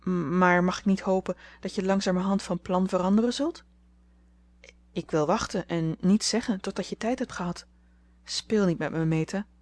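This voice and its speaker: A woman reading the part of a shy, earnest young man in love, speaking gently and pleadingly. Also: lowish voice, steady tone, normal speed, no echo, lightly acted. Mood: hurt.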